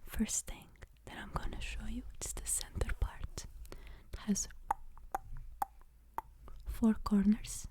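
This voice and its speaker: Slow, mellow whispering woman. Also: medium pitch, level tone. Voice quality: soft whispering. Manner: slow, gentle walkthrough of a board game. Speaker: ASMR creator. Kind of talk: ASMR. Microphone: close mic.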